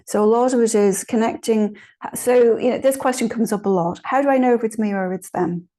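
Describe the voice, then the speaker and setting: A woman's voice: a little high, brisk, mellow. A woman teaching informally and answering questions, in a conversational, encouraging way with frequent little check-ins. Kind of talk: informal guided teaching on meditation.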